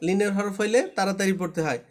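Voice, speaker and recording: A man's voice: sits high, fairly even intonation, very fast. A man teaching Quran recitation in a live online class, patient and repetitive, often checking that students understand.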